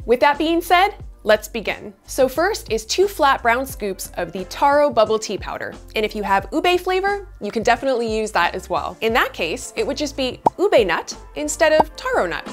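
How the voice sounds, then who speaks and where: A woman in her thirties hosting a bubble tea recipe tutorial, explaining each step in a bright, upbeat way on a studio kitchen set with a lapel mic. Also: sits high. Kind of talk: scripted cooking tutorial. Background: soft background music.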